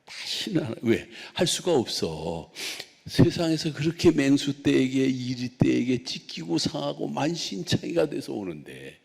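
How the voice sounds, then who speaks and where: Animated, gravelly Korean pastor preaching. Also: male voice, mid-range voice, unhurried, big-room sound. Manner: animated storytelling, acting out dialogue. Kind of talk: sermon.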